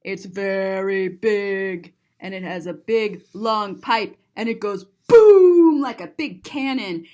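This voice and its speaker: A storybook-reading teacher describes picture-book images to children, playful and full of expression. She talks slowly with few pauses, her animated, mid-range voice a little mellow.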